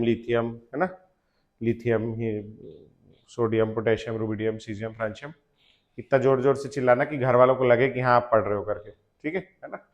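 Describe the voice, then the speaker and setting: A male teacher giving a classroom chemistry lecture, chanting element names in rhythm and joking with students. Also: on the high side. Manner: addresses students as beta, jokes about fathers.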